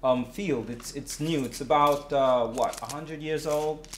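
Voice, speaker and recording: A man in his thirties as a guest in a kitchen chat, explaining calmly with playful asides. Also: a little high, measured pace. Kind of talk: casual chat. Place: home kitchen set, indoors. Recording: roomy kitchen echo, faint noise.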